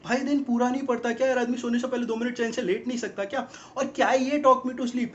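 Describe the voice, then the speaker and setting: A fast-ranting fed-up young guy. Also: extremely high pitch, fairly even intonation. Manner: rapid-fire exasperated rant, mocking. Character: exasperated young man ranting about girlfriends. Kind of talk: film comedy monologue. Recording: dull lo-fi film audio.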